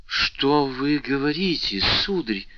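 Frightened noble lady, raised pleading voice, bright and forceful tone, dull dry recording, read by a man. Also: medium pitch, big pitch swings, moderate pace, no echo. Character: frightened aristocratic lady, poisoner wife.

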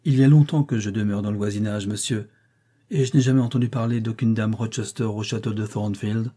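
A man voicing a gentle, earnest minister in an audiobook reading. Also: fairly low pitch, steady tone, a little fast, slightly rough. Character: gentle, shocked male village minister.

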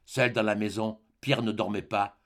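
A man's voice: on the low side, steady tone, moderate pace. A man narrating a classic novel as an audiobook, reading expressively. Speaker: audiobook reader.

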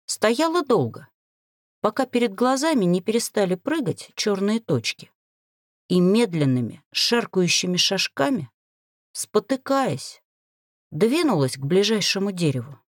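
Woman reading a novel aloud, slow, animated, dry close mic. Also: mid-range voice, no echo. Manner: expressive storytelling. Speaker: audiobook narrator. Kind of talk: first-person novel narration.

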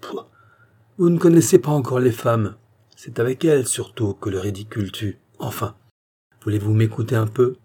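A man reading the part of a gruff, fatherly police chief who lectures his young inspector brusquely. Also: medium pitch, moderate pace, warm tone, natural voice. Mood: stern.

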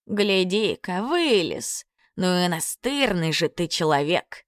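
A woman's voice: lowish voice, big pitch swings, slow, dry recording, studio quality. A woman voicing the silly, touchy first head of a two-headed male serpent. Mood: mocking.

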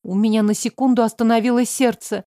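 Woman narrating an audiobook, higher voice. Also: fairly even intonation, fast, warm tone, dry recording. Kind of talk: scripted narration.

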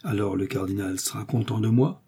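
Brief: male narrator as a gullible, eager shopkeeper, keen to please, husky low voice. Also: fairly quick, warm tone. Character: foolish, eager middle-aged male shopkeeper.

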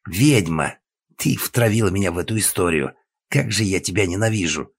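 A husky-voiced man in an audiobook plays a weary young man, slightly raised and louder as he acts him out. He sounds fed up and pleading by turns. The sound is dry and close. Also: deep voice, normal speed, no room sound. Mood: exasperated. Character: tired, exasperated young man.

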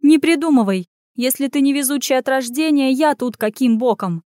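A woman voicing a frantic, sharp-tongued young woman on the run, snapping back and shrieking in a panic. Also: fairly high pitch, expressive, normal speed, dry recording, clean studio sound, lightly acted. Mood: snappy.

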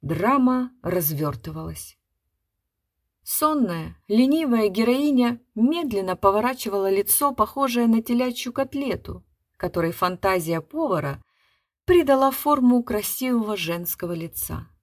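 A woman narrating a literary short story in an expressive storytelling manner. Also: on the high side, a little slow. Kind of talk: literary reading.

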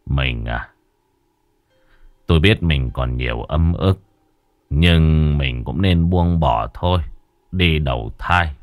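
Male storyteller plays a sorrowful widower, hushed, very deep, drawn-out prayer. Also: dry recording, phone-quality sound. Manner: low, slow, hushed and sorrowful. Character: grieving older husband praying to his dead wife.

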